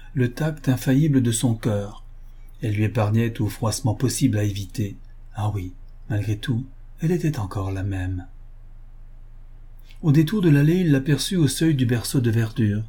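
A man narrating a novel as an audiobook, in a measured, expressive reading. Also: medium pitch, slightly rough.

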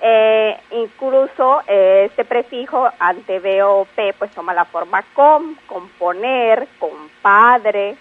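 Patient woman explaining words on radio. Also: medium pitch. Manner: patient, didactic, repeats examples slowly. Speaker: language expert guest. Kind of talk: radio language segment, explanatory. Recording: phone-like radio line.

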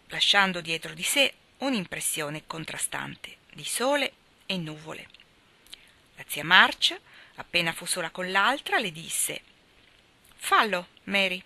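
Woman reading an old novel aloud, lowish voice, really bright tone. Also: no echo. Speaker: reader. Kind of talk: audiobook narration.

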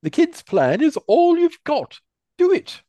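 A man voicing an enraged prison warden who shouts bullying threats in a voice pushed high above his own. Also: sing-song, measured pace, no room sound. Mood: furious.

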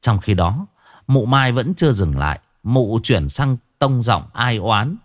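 A man's voice: mid-range voice, sing-song, a little slow, no echo, clean studio sound. A man reading a horror story aloud as a dramatic, vivid storyteller. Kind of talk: scripted horror story narration.

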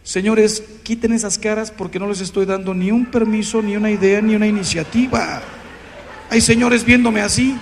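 Mexican priest in his 50s, lively preaching, gravelly voice, big echoey hall. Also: high-pitched, normal speed, a little hiss or hum. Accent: Mexican Spanish. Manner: animated, acts out quoted voices with humor.

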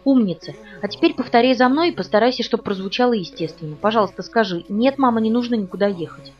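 A woman reading the lines of a calm, falsely polite male villain on the phone in an audiobook. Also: on the high side, fast talker, natural voice. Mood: cold, polite menace. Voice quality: pleasant tenor, falsely polite. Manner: calm, commanding, mocking. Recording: dull, distant recording with faint music.

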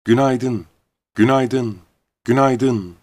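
A man voicing a mountain echo that repeats words slowly and fades off. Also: mid-range voice, voice pushed up. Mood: hollow. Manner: slow, repeating, fading.

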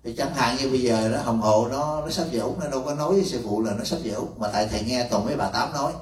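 A monk gives a dharma talk to his disciples, teaching in a folksy, teasing way and acting out little dialogues. His medium-pitched voice is fast, heard from far off in an echoey room.

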